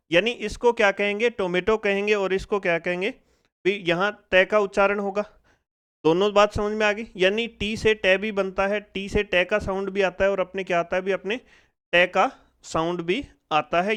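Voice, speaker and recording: A man teaches a phonics lesson, his voice pitched high and smooth. He puts each question to the class again and again, breaking every sound down step by step. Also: fairly bright tone. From India.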